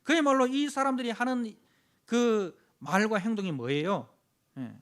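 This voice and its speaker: A man's voice: sits high, measured pace. A male pastor delivering a sermon. He is emphatic, dramatically voices the complainers he preaches about, and keeps dropping short affirming interjections between phrases. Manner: punctuates phrases with frequent affirming "yes" interjections.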